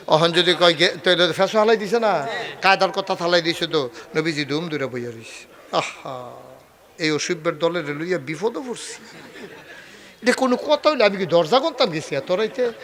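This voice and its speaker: Man, storytelling sermon, fairly high voice, surges from soft to loud. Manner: storytelling with acted dialogue, swinging from quiet to loud rising cries. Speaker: preacher. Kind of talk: Bengali waz sermon.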